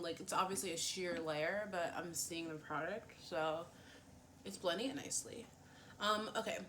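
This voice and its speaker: Her voice lowish and a bit bright, a beauty vlogger talks her way through a casual get-ready-with-me session. Sniffles and plenty of "um" and "like" fillers mark her chatty delivery, with faint hiss or hum behind it.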